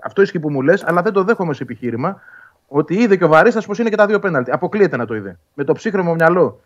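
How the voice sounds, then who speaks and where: A man's voice: on the high side, sing-song, muffled recording. A man arguing football calls in a casual sports talk, insistent and repeating his points. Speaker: football pundit.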